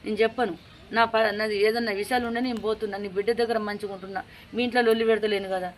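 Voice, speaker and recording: A woman's voice: medium pitch, steady tone, very fast, a little hiss or hum. Grieving mother with a Telangana accent. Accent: Telangana Telugu. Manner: pleading, repetitive, insistent demands for justice. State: grieving, distraught. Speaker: grieving mother of a murdered daughter. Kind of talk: emotional interview testimony.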